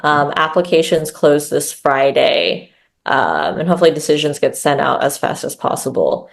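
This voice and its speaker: Low, gravelly woman, relaxed chatty interview guest. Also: moderate pace. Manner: chatty, filler-heavy, frequent tag questions. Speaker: growth lead, interview guest. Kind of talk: casual interview talk.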